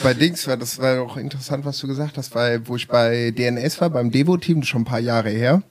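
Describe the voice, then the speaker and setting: A man co-hosting a podcast, telling stories in a lively way and acting out the quotes. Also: mid-range voice, fast talker. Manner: animated storyteller, acts out quotes. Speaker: co-host. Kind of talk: casual anecdote telling.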